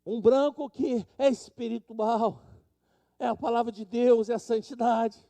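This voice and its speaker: A Brazilian man preaching a sermon in a church. His voice sits high for a man yet sounds very dark and mellow. He throws himself into the stories he tells, swinging his voice up and down as he voices the people in them. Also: fairly even intonation, a little slow. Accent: Brazilian Portuguese. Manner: dramatic, acts out quoted people with big pitch swings. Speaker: pastor. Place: church sanctuary.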